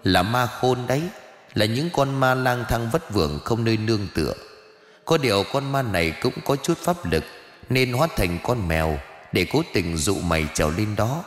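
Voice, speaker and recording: A man's voice: fairly low pitch, lively intonation, normal speed, roomy sound, in a large hall, natural voice. A man voicing a pompous, irritable old male ancestor ghost sorcerer who scolds and boasts in an audiobook. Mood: instructive. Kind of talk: audiobook character voice.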